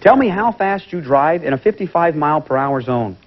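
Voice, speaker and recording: A man hosting a TV game show, lively and joking with the contestants, heard on an old VHS tape recording. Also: on the high side, a little fast, muffled recording, a little hiss or hum. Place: TV studio with audience.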